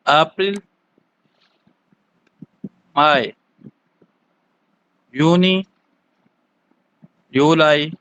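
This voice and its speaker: A male student on an online call repeats each word very slowly and carefully. His voice sits slightly high and sounds distant and muffled through the connection. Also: a bit bright, clear, resonant tone. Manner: very slow, careful repetition of words. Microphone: video call.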